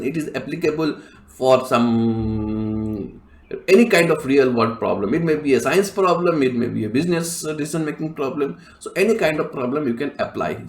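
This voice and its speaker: A male professor giving a recorded lecture, explaining step by step with many fillers and frequent throat clearing. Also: medium pitch, echoey room.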